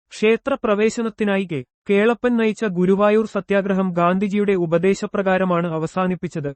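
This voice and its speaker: High-voiced man reading quiz answers. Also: no room sound. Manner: steady recited question, answer, explanation pattern. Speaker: exam coach. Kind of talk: quiz-style exam prep reading.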